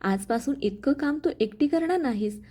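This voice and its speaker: A woman voicing a kind, protective young husband in a spoken family story, talking calmly and gently. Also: high voice, moderate pace. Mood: calm tender. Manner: calm, gentle.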